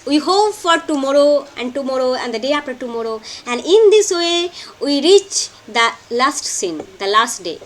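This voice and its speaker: A woman teaching a play in a lecture, slowly and emphatically, repeating key phrases for notes. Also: high-pitched, big pitch swings, a bit bright, slight background noise. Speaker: literature teacher. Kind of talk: lecture explaining a play line by line.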